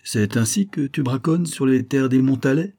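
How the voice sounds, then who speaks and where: A man's voice: mid-range voice, normal speed, dark tone, voice pushed up, natural voice. Sneering young nobleman, as a man puts him on. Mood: mocking. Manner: mocking, insolent.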